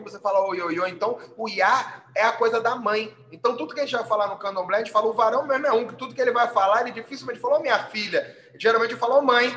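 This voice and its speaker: Guy with a high bright voice explaining stuff casually, lots of "right?" tags, echoey room. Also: a little hiss or hum. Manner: frequent "né?" tags and repeated words; acts out quoted calls with a raised voice. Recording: roomy echo.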